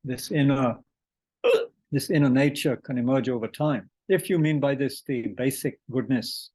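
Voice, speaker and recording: A man teaching Buddhist meditation online, speaking haltingly with many fillers, restarts and throat-clearing, and reading out questions from the chat. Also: mid-range voice, darkish tone, low-quality recording.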